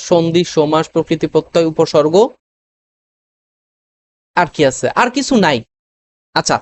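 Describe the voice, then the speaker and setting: A tutor giving a recorded lesson, explaining step by step with many pauses, fillers and quick self-corrections, often checking that the students follow. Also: mid-range voice, slight background noise. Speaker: admission test tutor.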